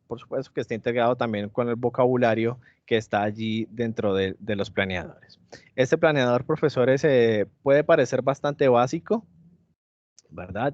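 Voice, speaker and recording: A man presenting an online teacher training, pausing often with fillers and checking in with his listeners as he goes. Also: mid-range voice, a little mellow, dry recording. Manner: hesitant, many fillers and tag questions. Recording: dry, dull lo-fi mic.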